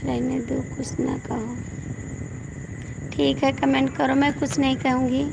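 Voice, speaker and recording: A hoarse woman, chatting on a live stream and coaxing viewers again and again. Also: sits high, little pitch movement, unhurried, noisy background. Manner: pleading, coaxing, repeats requests. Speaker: folk singer hosting a live stream. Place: indoors at night with the power out.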